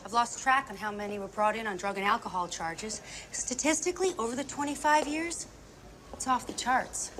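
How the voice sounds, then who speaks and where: A woman's voice: on the high side, moderate pace, a bit bright, slight background noise, lightly acted. An actress playing a guarded, driven woman police detective in film dialogue. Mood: matter-of-fact. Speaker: actor in a thriller film. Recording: music behind the dialogue.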